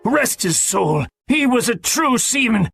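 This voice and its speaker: A man voicing a brave honest sailor, hoarse and shaky in a storybook reading. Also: very high-pitched, sing-song, a little slow, fairly bright tone, soft background music, pitched above the performer's own voice, heavily acted. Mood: defiant.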